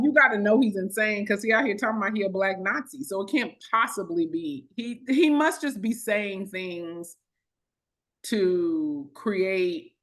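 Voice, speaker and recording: Lively, sarcastic woman in casual talk. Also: medium pitch. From Texas. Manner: sarcastic, emphatic, quick to joke. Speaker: podcast co-host. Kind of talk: casual political chat.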